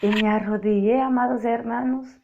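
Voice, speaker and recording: Portuguese woman, non-native, emphatic testimony preacher; higher voice, muffled lo-fi recording. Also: steady tone, moderate pace, a little hiss or hum. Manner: emphatic, repeats phrases for effect. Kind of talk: spoken testimony sermon.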